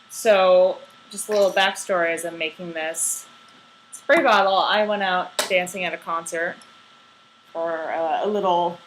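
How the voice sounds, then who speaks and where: Slow, hungover woman vlogger, lowish voice. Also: fairly bright tone, slight background noise, rough recording. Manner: hungover, sluggish and halting delivery. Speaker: vlogger giving garment care tips. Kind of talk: casual how-to vlog. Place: indoors.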